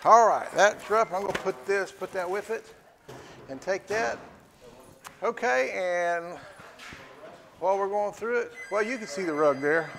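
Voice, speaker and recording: A man's voice: sits high, a little slow, vocal fry, pauses often, noisy background. A man calling a live-streamed auction in a casual, folksy way, repeating prices and phrases. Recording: echoey hall with long reverb.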